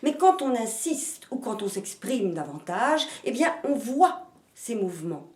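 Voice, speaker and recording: Lively teacher in an echoey room. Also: female voice, a little high, a little slow. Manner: demonstrative, rhythmic, sounding out syllables. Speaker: language teacher. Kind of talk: pronunciation lesson.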